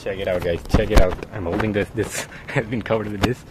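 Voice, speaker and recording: Excited young man vlogging in a car. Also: lowish voice, brisk, heavy background noise. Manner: chatty, says guys constantly, excited. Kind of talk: casual vlog narration. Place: inside a parked car under a blanket fort. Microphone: handheld phone camera.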